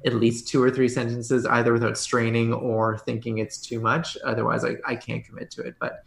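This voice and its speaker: A man's voice: medium pitch, completely flat delivery, brisk, vocal fry, reverberant. A man talking as a podcast guest about running tabletop games, rambling and hedging with many restarts. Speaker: podcast guest, game master. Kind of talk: casual conversation.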